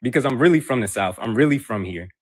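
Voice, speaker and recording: A man's voice: mid-range voice, lively intonation, quick pace, a crowd in the background. An American man debating casually as a caller, insistent and argumentative. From Huntsville, Alabama, USA.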